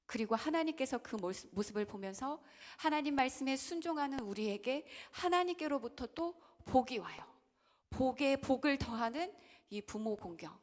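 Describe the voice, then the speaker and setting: A woman's voice: sits high, expressive, moderate pace. Impassioned woman pastor preaching a sermon. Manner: impassioned, swings between loud outbursts and hushed whispers; asks the congregation questions directly. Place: church.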